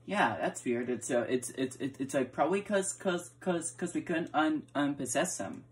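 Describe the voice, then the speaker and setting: Her voice is low and animated, moving at a moderate pace, as a woman casually chats through a role-played block-building game. She often stammers and repeats her words, and the recording comes from a camera filming a TV screen in an indoor room.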